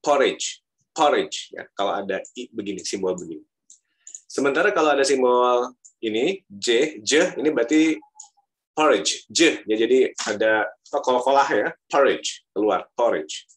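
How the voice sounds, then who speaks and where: A man's voice: mid-range voice, lively intonation, moderate pace. Indonesian-accented male lecturer. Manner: mixes Indonesian and English, repeats words to model them. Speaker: university lecturer. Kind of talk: pronunciation lesson.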